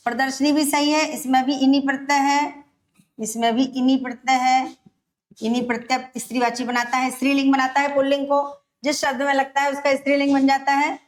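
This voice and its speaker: A woman teaching Hindi grammar for an exam, explaining step by step and repeating words slowly. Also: high-pitched, flat delivery. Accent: Rajasthani Hindi. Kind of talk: exam-prep grammar lesson.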